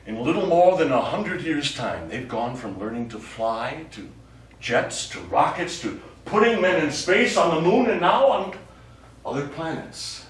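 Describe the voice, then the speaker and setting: On a small indoor studio theatre stage, a one-act play's actor speaks a live monologue as a wistful, wry astronaut hiding that he is an alien with a scheme. He sounds musing and quietly satisfied, his high-leaning voice very animated yet measured in pace. The recording is echoey, with faint noise from a distant mic.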